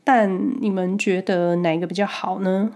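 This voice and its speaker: A woman's voice: mid-range voice, fairly even intonation, unhurried, darkish tone. A woman with a Taiwanese Mandarin accent and a nasal, stuffed-up voice, as if she had a cold, casually sharing personal experiences with listeners. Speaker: podcast host.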